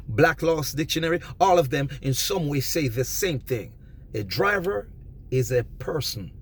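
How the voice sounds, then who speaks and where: A man giving an emphatic, preachy monologue of advice, often rising almost to a shout. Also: a little high, slightly rough. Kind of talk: passionate monologue.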